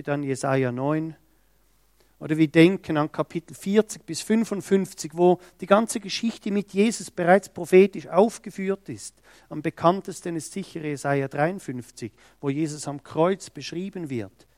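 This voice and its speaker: Man, mid-high voice, preaching slowly and deliberately, dry close sound. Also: a little mellow, no room sound. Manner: slow, emphatic, acts out quoted speech. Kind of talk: sermon.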